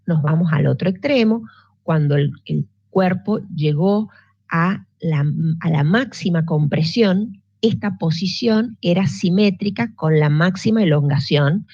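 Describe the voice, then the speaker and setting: In an online physics class, a woman explains things patiently, often restarting and checking in with her students. Her voice is fairly low, warm, and slightly rough, animated but a little slow. The recording is dry, with a dull lo-fi sound.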